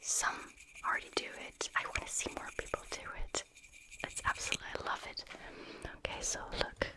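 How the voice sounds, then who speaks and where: An ASMR creator talking in a breathy, unvoiced whisper, very close to a highly sensitive microphone, with slow, drawn-out words. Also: poor audio. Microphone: very close, high-sensitivity microphone.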